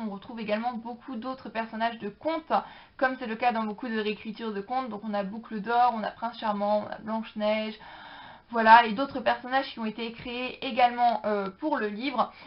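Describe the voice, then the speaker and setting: Chatty woman reviewing books, lo-fi. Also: a little high. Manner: chatty, enthusiastic, many hesitations. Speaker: book reviewer. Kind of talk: casual book review vlog. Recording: dull lo-fi sound.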